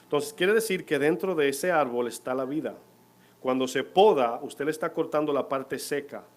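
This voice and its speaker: A man's voice: medium pitch, moderate pace. A man preaching a sermon in church, putting questions to the congregation as he goes. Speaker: pastor.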